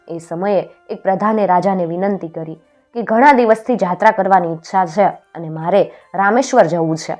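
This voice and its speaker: A woman with a lowish voice narrates an old folk tale at an even storytelling pace. Her delivery is steady and clear, and faint music plays beneath her. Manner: steady, clear storytelling with lifted voice for quoted speech.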